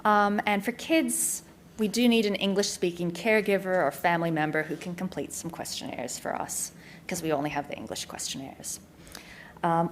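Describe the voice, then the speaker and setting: An Australian woman giving a clear, informative conference presentation as a neuropsychologist, with frequent ums. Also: fairly low pitch, slight background noise. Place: community information day presentation.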